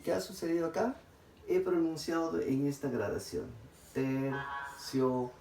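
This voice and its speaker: Guy teaching a class, mellow tone, drags out example words slow, echoey room. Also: fairly high pitch, very animated, creaky. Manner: stretches example words out slowly, syllable by syllable; checks in with listeners often. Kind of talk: classroom lecture. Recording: echoey room, faint background noise.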